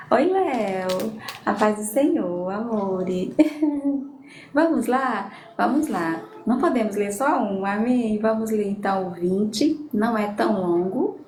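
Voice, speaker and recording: A woman leading a prayer session, affectionately reading out names and prayer requests, often adding "amém" and "né". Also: medium pitch. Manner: affectionate, reads out names slowly, frequent amém and né. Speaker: church leader taking prayer requests. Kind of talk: live-stream prayer session. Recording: echoey room with ambient noise.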